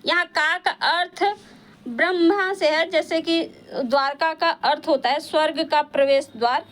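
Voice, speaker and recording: High-voiced woman teaching Hindi spelling. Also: steady tone, a bit bright. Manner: patient, explanatory, with frequent pauses and fillers. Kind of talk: exam-prep lesson explaining spelling.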